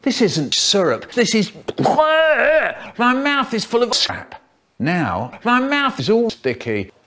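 A man telling a story, his words spliced together from separate clips, so the pitch and loudness jump from word to word. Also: wildly swooping pitch, takes it slowly. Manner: jumpy pitch and loudness from word to word, chopped delivery. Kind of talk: edited comic storytelling.

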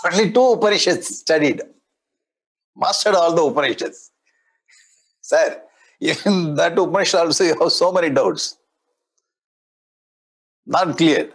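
An older man in his sixties with a South Indian accent teaches scripture in a conversational lecture style. His voice sits a little high and has a husky grain. He often repeats key phrases as he explains. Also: unhurried, pauses often, low-quality recording. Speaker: spiritual teacher. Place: indoor studio in front of a display board. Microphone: lapel mic.

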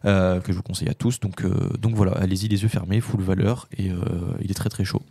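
A man's voice: low-pitched, flat delivery, quick pace, warm tone, slightly rough, no echo. A man, co-hosting a casual podcast and rambling with many filler words. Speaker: podcast co-host.

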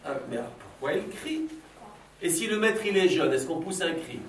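A man's voice: high voice, expressive, moderate pace. A middle-aged man leading a philosophy session with children, asking playful, probing, teasing questions. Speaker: philosophy workshop leader for children. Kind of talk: Socratic questioning of a class. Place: school classroom with children. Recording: roomy, from a distance, faint background noise.

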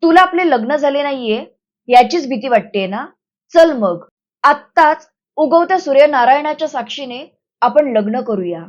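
A strong-willed village man speaks with steady, reassuring firmness, voiced by a woman reading a novel aloud. The voice sits high and carries little real disguise. The recording is slightly dull and lo-fi. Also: moderate pace. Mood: firm, tender.

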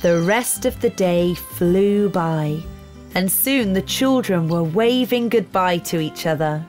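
A woman narrating a children's storybook in a calm, soothing reading. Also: lowish voice, slow pace, faint music behind.

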